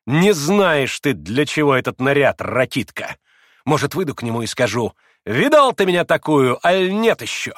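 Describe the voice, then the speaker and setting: A man voicing a proud, wild young woman who speaks in impassioned, shrill outbursts. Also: big pitch swings, moderate pace, fairly bright tone, no echo, clean studio sound. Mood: frenzied.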